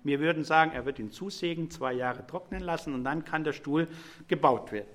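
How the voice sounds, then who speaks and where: A man's voice: fairly high pitch, a little fast, fairly bright tone. A middle-aged man preaching a sermon, explaining scripture in a conversational way and speaking directly to the congregation.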